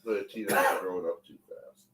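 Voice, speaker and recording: A man's voice: low voice, brisk. A man chatting casually as a co-host on a livestream. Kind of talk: casual chat about pop culture. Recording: echoey room with faint noise.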